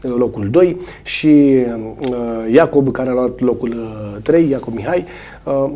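A swimming coach, hoarse a cold, answering in a studio interview with many hesitations. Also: male voice, mid-range voice, mellow.

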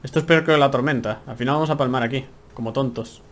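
Quick-paced and a bit bright in his mid-range voice, a young gameplay streamer from Spain chats and exclaims through a game at home. A little hiss or hum runs under his casual let's-play commentary as he talks to himself.

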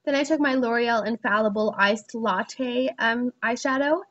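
A woman's voice: fairly high pitch, normal speed. Woman vlogger, stuffy nasal cold voice, chatty tutorial narration, slightly muffled lo-fi recording. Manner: casual, chatty, many fillers. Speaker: beauty vlogger. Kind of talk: makeup tutorial voice-over.

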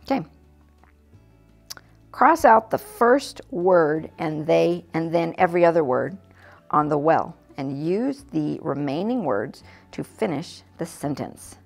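Middle-aged American woman, children's ministry teacher; husky, informal, chatty classroom delivery, soft music behind. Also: sits low, expressive, takes it slowly. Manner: chatty, informal, laughs easily. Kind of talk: casual teaching demonstration. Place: church classroom, indoors. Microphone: fixed camera, mid distance.

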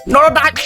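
A young man chats playfully through a game, his pitch bouncing high and low as he laughs and jokes. Faint music plays behind him. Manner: playful, laughs often, jumps into high squeaky voices. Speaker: gaming YouTuber. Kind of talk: casual game commentary.

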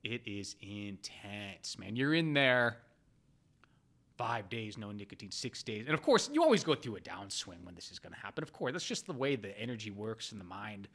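Blunt, profane man with a bright voice. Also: moderate pace. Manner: blunt, profane, animated with swings between loud bursts and low mutters. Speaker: poker player vlogger. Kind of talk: casual storytelling monologue.

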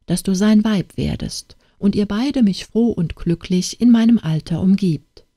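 A woman's voice: mid-range voice, a little slow, dark tone, no room sound, clean studio sound, lightly acted. A woman voicing a stern old father in an audiobook tale, speaking in a reproachful, urging way.

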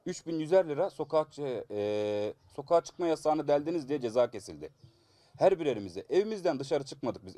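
A man in his thirties speaks quickly and urgently, sounding aggrieved as he pleads for justice. His nose is blocked, giving his fairly high voice a congested sound. The recording is close and dry. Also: warm tone, dry recording. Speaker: assault victim giving a statement. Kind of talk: news interview statement.

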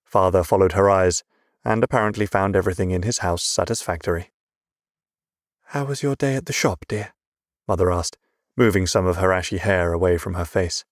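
A male narrator reads a fantasy novel in a very deep, measured voice. The recording is close and dry, with no room sound at all. His telling stays steady and even. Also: no echo. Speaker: audiobook narrator. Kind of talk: scripted narration.

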